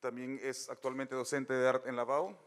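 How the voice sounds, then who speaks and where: A man's voice: medium pitch, little pitch movement, normal speed. A man moderating a public science event, taking audience questions and introducing the next speaker.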